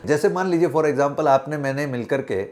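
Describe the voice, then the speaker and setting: A man's voice: a little high, normal speed, darkish tone. A man who is an accountant, appearing as a guest, explaining legal points through worked examples. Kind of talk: explainer interview.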